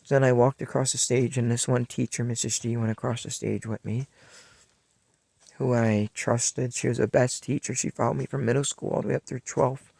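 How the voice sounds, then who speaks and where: Gravelly young man telling his story. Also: mid-range voice, level tone, normal speed, a little mellow, dry recording. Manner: rambling, heartfelt, acts out past dialogue. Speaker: vlogger. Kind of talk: casual personal storytelling.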